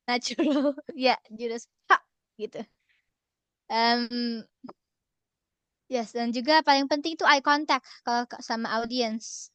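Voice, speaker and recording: A woman's voice: on the high side, unhurried, pauses often, a bit bright, clean tone, no room sound. A young woman presenting an online workshop from a relative's home in a casual, cheerful way, often laughing and slipping in English phrases. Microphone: video call.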